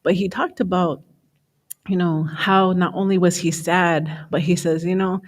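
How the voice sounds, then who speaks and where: A woman's voice: on the low side, fairly even intonation, unhurried. A middle-aged woman speaking at a summit, telling a personal story in a loose, conversational way, often repeating "he says" and "you know".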